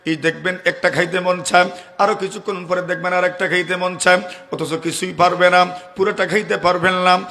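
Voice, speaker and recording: Male preacher, high voice, waz sermon, melodic Quranic chanting, rhetorical questions to the audience, loud emphatic peaks and soft storytelling passages. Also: little pitch movement. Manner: chants Quranic verses in a slow melodic recitation. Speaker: Islamic preacher.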